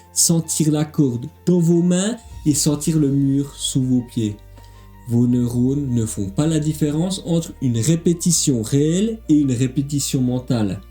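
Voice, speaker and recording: A man's voice: medium pitch, mellow. A man coaching viewers through obstacle race training in a motivational voice-over, direct and upbeat. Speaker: fitness coach.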